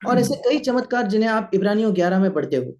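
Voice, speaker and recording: Male sermon interpreter, high-pitched, mellow tone, steady line-by-line delivery. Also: fast.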